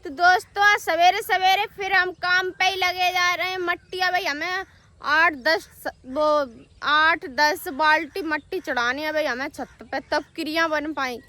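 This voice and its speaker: A woman's voice: very high voice, steady tone, a little slow, bright, forceful tone, no room sound. A young woman vlogging casually from her village home, chatting to her viewers as friends. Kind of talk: casual vlog narration. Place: village home, rooftop and fields, outdoors.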